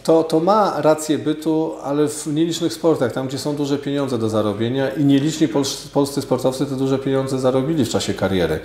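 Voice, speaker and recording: A man in his forties, a sports official answering radio interview questions in a measured, hesitant way with many fillers, in an office studio on a lapel mic. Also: mid-range voice, darkish tone. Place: office studio with glass table. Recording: roomy echo.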